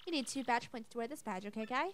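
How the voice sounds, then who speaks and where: A woman voicing an eager, excitable collector and trader from a video game. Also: on the high side, fast, slight background noise, lightly acted. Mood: eager, excited. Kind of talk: reading game dialogue aloud in character.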